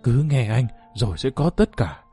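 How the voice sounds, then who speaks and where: A man voicing a lecherous middle-aged male farm-camp chief who talks in a low, hushed and crude way. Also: big pitch swings, a little fast, faint music behind. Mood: whispering.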